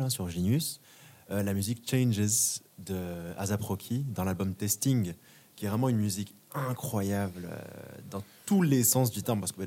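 Low, mellow young man, hesitant. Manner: hesitant, many fillers. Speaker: podcast co-host. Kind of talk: casual chat. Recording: faint background noise.

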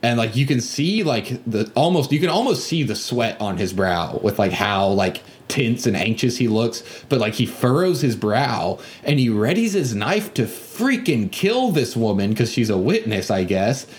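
Animated man retelling a game scene. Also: mid-range voice, normal speed, hardly any pauses. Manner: animated, acts out characters in yelling voices.

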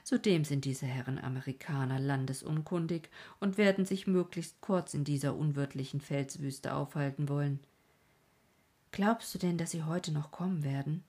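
A woman's voice: sits low, normal speed, mellow, husky, pitched below the performer's own voice. A woman voicing a genial middle-aged doctor who dryly mocks and lectures his young nephew. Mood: wry. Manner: dry, mocking, lecturing.

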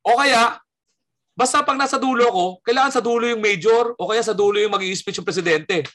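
With a high, bright voice and a slightly fast pace, this Filipino man spins an animated tale in relaxed conversation. He's a stand-up comedian who performs each quoted line energetically.

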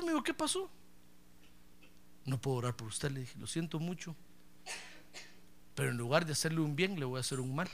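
A middle-aged pastor preaches a sermon built around an acted anecdote, voicing both sides of the story's dialogue and calling his listeners brother. His voice is a little high and a bit bright.

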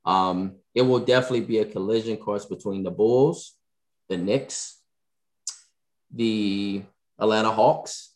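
A man hosting a morning sports talk podcast in casual chat, animated and often repeating himself. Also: fairly low pitch, measured pace. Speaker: podcast host.

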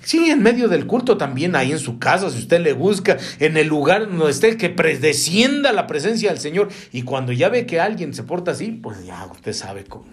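A man delivering a sermon in a slightly high voice. He preaches with animation, jumping up in pitch and falling to hushed asides. He calls his listeners brother. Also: very animated, moderate pace, hardly any pauses.

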